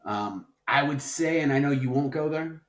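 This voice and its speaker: A man's voice: a little high, normal speed. A man co-hosting a podcast in a casual chat, rambling and playfully dramatic, with lots of filler words. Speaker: podcast co-host. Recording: roomy echo.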